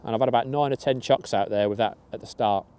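A young match angler chats casually outdoors by a lake, talking through his fishing bait in a tutorial. His medium-pitched voice is mellow and smooth, and he talks fast, upbeat and chatty, restarting phrases now and then.

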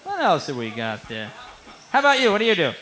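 Lively, bright-voiced man doing stand-up crowd work. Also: sits high. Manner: quick, teasing, animated riffing with the audience. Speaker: stand-up comedian. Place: comedy club stage. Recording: live club recording with faint room noise.

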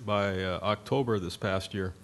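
A middle-aged farmer from North Dakota speaks at a meeting-room podium, his voice sitting on the low side. He talks plainly and loosely, circling back with fillers and restarts. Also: fairly even intonation, normal speed. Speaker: farmer panelist. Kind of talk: conference panel talk.

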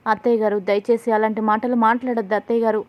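A kind young daughter-in-law from a family drama retelling speaks with worried respect, read out by a woman. Her voice is fairly high and even. The audio sounds slightly dull. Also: rapid-fire, natural voice.

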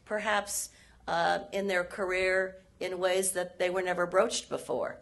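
A hoarse woman, a former State Department official, gives a formal policy lecture at a university event, speaking in measured phrases with frequent pauses. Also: fairly low pitch, flat delivery. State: hoarse, frog in her throat.

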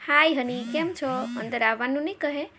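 A woman's voice: high-pitched, a little fast, pushed and bright, slight background noise. A woman voicing a smug young man who blackmails his ex-lover, mocking her and singing old film songs off-key.

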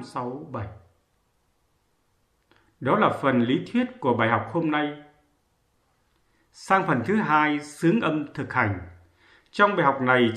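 Slow, echoey male music teacher. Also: fairly high pitch, a bit bright. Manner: counts beats aloud, stressing the strong beats. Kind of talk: slow, measured lesson narration.

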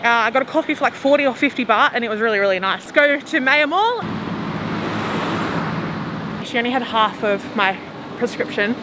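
A woman's voice: fairly high pitch, lively intonation, normal speed, long pauses. A young woman vlogging to a handheld camera as she walks through the city, chatting in a rambling way and often laughing. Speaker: travel vlogger. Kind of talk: casual walking vlog. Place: outdoors on busy city streets. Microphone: handheld camera at arm's length. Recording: street noise behind. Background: traffic and city street noise.

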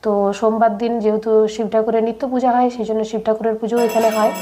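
A woman's voice: a little high, level tone, rapid-fire. A young woman, narrating her daily-life vlog while she has a cold, chatty and speaking straight to viewers with many fillers. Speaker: vlogger.

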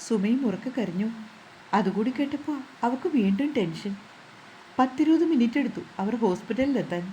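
A woman narrating a romantic novel in a steady, even reading voice. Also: on the high side, a little hiss or hum, low-quality recording. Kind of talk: storybook narration.

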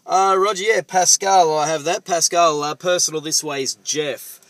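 A man with an Australian accent talking as a radio operator in a casual, matey, halting way, with call signs and jargon. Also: fairly high pitch, fairly even intonation, noisy background. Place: parked vehicle.

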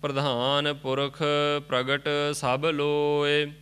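Man slowly chanting scripture, bright and clear. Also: fairly high pitch, little pitch movement. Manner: measured, drawn-out chanting. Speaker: student reciter. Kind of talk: slow chanted scripture recitation.

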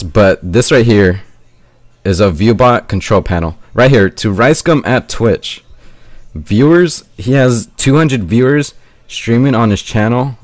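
Lowish man, puzzled, thinks aloud, dry close sound. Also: dry recording. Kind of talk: casual commentary in a played clip.

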